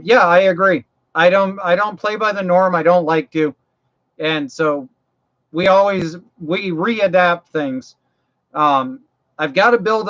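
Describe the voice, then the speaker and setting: A slightly high, somewhat bright male voice comes through dull lo-fi stream audio. A man from Maine is hosting a casual livestream chat, answering viewers' mower-repair questions in a rambling, folksy, practical way, repeating himself, restarting phrases, and sounding increasingly tired.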